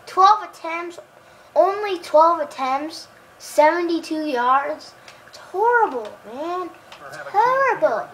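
A woman giving excitable live commentary while playing a football video game, cheering and groaning at the plays and chatting to viewers. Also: extremely high pitch, takes it slowly, slight background noise, rough recording.

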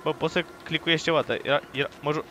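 A man giving loud, profane let's play commentary on a horror game, talking to his viewers and yelping at scares. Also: on the high side, fairly even intonation, a little hiss or hum. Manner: jumpy, profane, loud outbursts; talks to viewers while playing. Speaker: gaming YouTuber.

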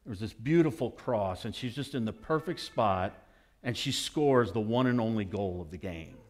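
A middle-aged man preaching a sermon as pastor, telling a story and now and then bursting into excited shouts. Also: lowish voice, moderate pace. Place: church sanctuary.

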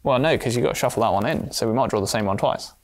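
A woman's voice: extremely low pitch, rapid-fire, darkish tone. A woman streaming a board game, casual, playful and jokey, laughing often.

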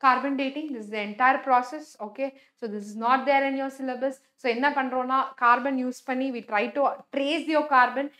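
A woman's voice: high-pitched, steady tone, very fast, hardly any pauses, fairly bright tone. A young woman with a South Indian Tamil accent, a native Tamil speaker, teaching a biology lesson emphatically, repeating key words and checking in with short questions. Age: young adult. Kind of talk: animated classroom lecture, reading and explaining slides. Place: indoor teaching studio with a display board. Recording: echoey room sound.

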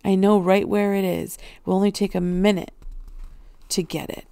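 A woman's voice: mid-range voice, level tone, normal speed, gravelly, mellow, clean tone, no room sound, lightly acted. A woman voicing a frightened teenage girl who presses her questions eagerly, in a storybook reading. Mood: urgent.

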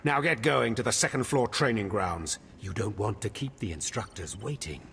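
A man's voice: lowish voice, expressive, normal speed, vocal fry, a bit bright, a little hiss or hum. An actor playing a harsh, contemptuous male Sith overseer in a video game, giving cold commands. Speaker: academy overseer.

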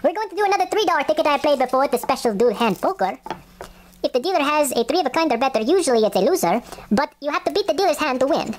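Female host, high voice, put-on Russian accent, casual play-by-play, light scratching noise in a home recording. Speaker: host of scratch ticket videos. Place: indoors at a wooden table. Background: scratching of lottery tickets.

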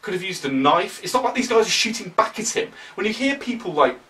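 A young man with a British accent giving animated, opinionated commentary to camera, often sarcastic. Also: high-pitched, brisk, far from the mic, low-quality recording. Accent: British English. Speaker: political vlogger.

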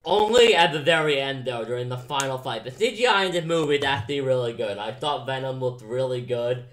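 A man's voice: mid-range voice, a bit bright. Young man rambling through a film review. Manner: rambling, heavy use of "like". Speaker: movie reviewer. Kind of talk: casual movie review.

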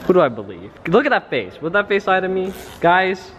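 A man's voice: high-pitched, big pitch swings, brisk, fairly bright tone, dull audio, a little hiss or hum. A man bantering playfully and teasing his friend while working on a car. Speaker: car builder helping in garage. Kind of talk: casual joking banter.

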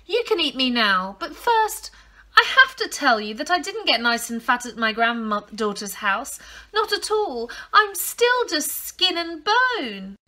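A woman voicing a crafty little old grandmother in a high, squeaky, sing-song voice. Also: very animated, unhurried, bright, forceful tone, exaggerated voice. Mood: sly.

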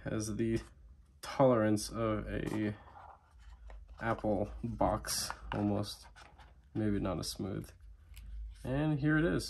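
A man chatting casually through an unboxing vlog, thinking aloud with relaxed fillers. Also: lowish voice, creaky, a little hiss or hum. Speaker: knife and gear reviewer.

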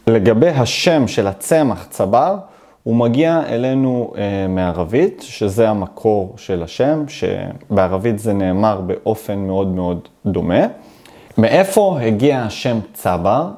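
A young man from Israel teaches a Hebrew video lesson, sounding out syllables slowly and with care. His voice sits low and mellow. His pitch swings up and down as he explains. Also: animated. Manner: slow, careful, stresses syllables to show pronunciation.

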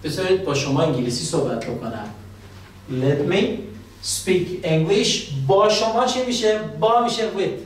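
A man teaching English, explaining in Persian and slowly repeating English phrases for students to copy. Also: high voice, lively intonation, slight background noise. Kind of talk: language lesson, explaining and drilling phrases. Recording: very echoey room, voice from a distance.

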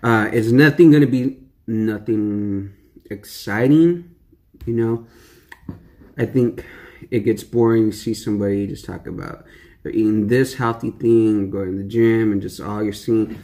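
Speaking a little slowly in a fairly low, darkish voice, this young man rambles through his eating-show vlog to camera. His manner is relaxed and slangy, heavy on fillers.

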